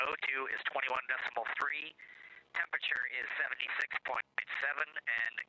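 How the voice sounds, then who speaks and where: A spacecraft commander comes through a radio link from orbit, a man's voice with a very sharp, cutting edge. The sound is dry and close, with no room around it. He reads off numbers in calm, clipped radio procedure. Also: mid-range voice, no room sound, low-quality recording. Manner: calm, methodical reading of readings. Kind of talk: terse radio procedure talk.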